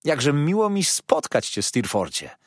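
A man reading the part of an earnest, sentimental young man fresh out of school, eager and effusive, with a husky voice. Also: on the low side, sing-song, normal speed, a bit bright, no room sound, clean studio sound, heavily acted. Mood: eager, moved. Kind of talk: audiobook reading.

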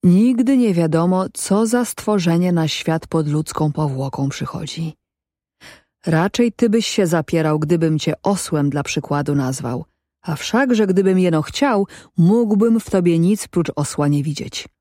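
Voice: medium pitch, animated, a little slow, warm tone, dry recording, studio quality, lightly acted. A storyteller voicing a stubborn, secretive man in an audiobook, replying tersely and bluntly. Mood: curt stubborn. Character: stubborn, curt mysterious man.

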